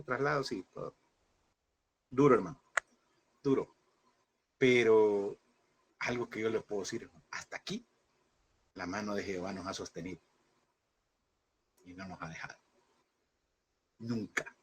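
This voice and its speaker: A man's voice: medium pitch, slight background noise. A man in his thirties teaching a seminary class as a fervent sermon, speaking through grief and constantly calling his listeners "brother.". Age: 30s. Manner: fervent, addresses listeners as "hermano". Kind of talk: impassioned sermon-style class.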